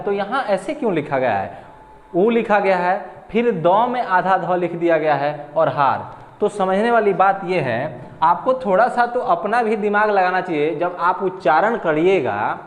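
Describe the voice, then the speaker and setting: Guy teaching at a board, high voice that jumps around, echoey room w long reverb. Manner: slow, repetitive, spells out syllables. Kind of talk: board lesson on grammar.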